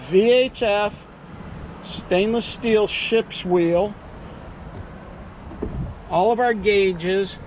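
A man's voice: darkish tone, a little hiss or hum. A man giving an upbeat salesman's walkthrough tour of a boat, outdoors at a marina. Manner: upbeat salesman pitch, pointing out features.

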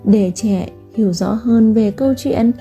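A preschool teacher, narrating a storybook tale for children slowly and carefully. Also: female voice, a little high. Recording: long hall reverb, soft music behind.

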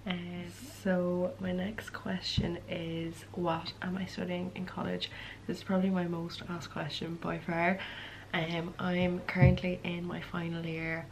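A woman's voice: on the low side, completely flat delivery, measured pace, a little hiss or hum, poor audio. A woman in her early twenties with a west of Ireland accent, chatting casually to camera as a content creator answering questions. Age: early 20s. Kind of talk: casual chat to camera, Q and A vlog.

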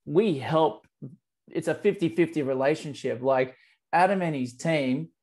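A man's voice: fairly high pitch, a little slow, darkish tone. Upbeat host in his thirties on a video call, earphone mic, casual slang, enthusiastic. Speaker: marketing agency host. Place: office with branded backdrop. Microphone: earphone headset.

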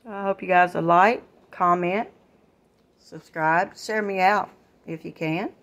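Slow, gravelly older woman chatting. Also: on the low side, fairly even intonation, a bit bright. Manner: slow, homely, chatty, addresses viewers as y'all. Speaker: vlogger. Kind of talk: casual grocery haul narration. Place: kitchen at home.

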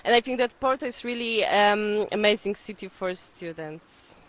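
A woman's voice: medium pitch, moderate pace, fairly bright tone, poor audio. A young woman from the Basque Country, answering interview questions with enthusiasm on a handheld mic indoors. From Basque Country, Spain. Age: young adult. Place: indoor hostel reception.

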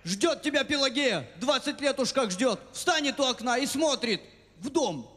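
A man's voice: very high voice, animated, moderate pace, fairly bright tone, slight background noise. A man playing a meek village peasant in a stage comedy sketch. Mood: agreeable. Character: meek village peasant following his leader. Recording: echoey hall, distant, music behind.

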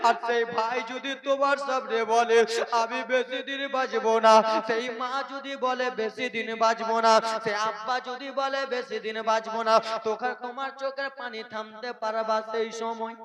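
Preacher guy, super high voice, wailing sung sermon, echoey room, music under it. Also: level tone, moderate pace, far from the mic, a crowd in the background. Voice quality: high, sobbing chant that swells and cries out.

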